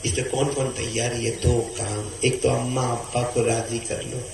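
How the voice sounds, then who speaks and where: A man preaching a fervent sermon to a large gathering, calling on the crowd to answer him and swinging between hushed and shouted delivery. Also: mid-range voice, flat delivery, gravelly, over music. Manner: call-and-response, urging the crowd to answer. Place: large outdoor religious gathering. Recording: echoey, noisy crowd gathering.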